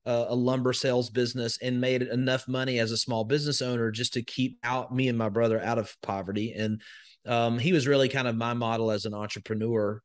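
A crypto educator from Northwest Alabama guests on a podcast, telling his story in a folksy, rambling Southern drawl packed with fillers. His mid-range voice moves little in pitch and runs fairly quick in this conversational interview.

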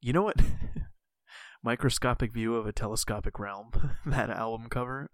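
A man's voice: mid-range voice, a little slow, no room sound. A man co-hosting a podcast in casual chat, loose and jokey, swearing freely. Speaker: podcast co-host.

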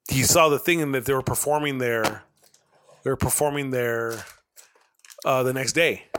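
Bright-voiced laid-back podcast man. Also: medium pitch. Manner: laid-back slangy storytelling, swears freely. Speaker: podcast co-host. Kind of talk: casual chat.

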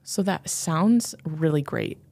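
A woman co-host asks thoughtful questions in a low, gravelly voice, with a mellow, darker tone. Her talk is casual and full of little fillers. The sound is dry and close. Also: slow, no room sound. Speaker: podcast co-host. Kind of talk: casual podcast conversation.

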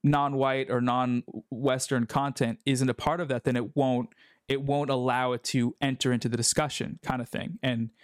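A man's voice: mid-range voice, level tone, normal speed, dry recording. Male online commentator, casual and rambling, dry recording. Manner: rambling, many fillers and restarts. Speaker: YouTube commentator. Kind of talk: casual conversation.

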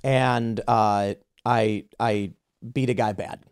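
A man's voice: lowish voice, steady tone, takes it slowly, clear, resonant tone. A man in his thirties from the United States, hosting a podcast and telling an indignant story full of restarts and repeated words. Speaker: podcast host. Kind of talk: casual podcast conversation.

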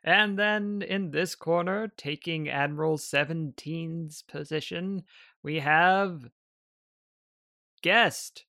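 A man voicing a booming arena announcer who calls out contestants in a grand, drawn-out style. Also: bright, forceful tone, no echo, clean studio sound, full character voice. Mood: showy.

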